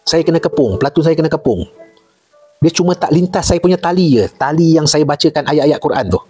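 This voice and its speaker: Husky Malaysian man telling jungle stories. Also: on the high side, brisk, soft background music. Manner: repeats points for emphasis, animated storyteller. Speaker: retired army major telling jungle stories. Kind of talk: casual storytelling chat.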